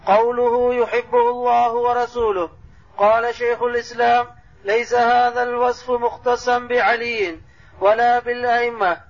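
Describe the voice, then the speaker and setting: Very high, flat-voiced man reading aloud. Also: moderate pace. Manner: steady recitation of the text. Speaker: student reading the text aloud. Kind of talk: reading a religious text aloud in a lesson. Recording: dull lo-fi old tape recording.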